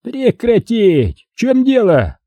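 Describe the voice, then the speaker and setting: A man's voice: high-pitched, huge pitch swings, normal speed, dark tone, breathy edge, dry recording, voice pushed up, exaggerated voice. A man voicing a brusque male commander in an audiobook, barking orders. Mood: commanding. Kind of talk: audiobook reading.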